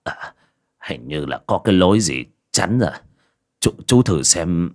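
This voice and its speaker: A man's voice: low-pitched, big pitch swings, moderate pace, fairly bright tone. A man voicing a frightened old village man who stammers and hesitates in an audio story.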